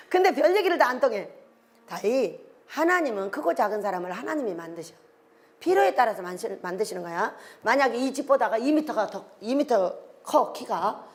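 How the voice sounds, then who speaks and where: An older woman preaching a sermon, animated and exclaiming, firing questions at her congregation. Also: a little high, a little fast.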